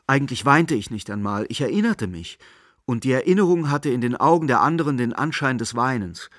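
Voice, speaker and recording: A man narrating a radio drama in a slow, measured, melancholic manner. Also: mid-range voice, a bit bright, dry recording, clean studio sound, lightly acted. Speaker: narrator and main character.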